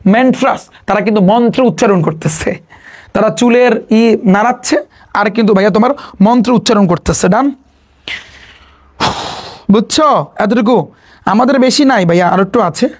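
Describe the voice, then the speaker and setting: A tutor talks through an exam-prep lesson at a middle pitch. English terms are slipped into the explanation, and the same quiz question comes back again and again until the answer sticks. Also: normal speed, long pauses. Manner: mixes English words into Bengali, quizzes listeners with repeated questions. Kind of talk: online exam-prep lecture.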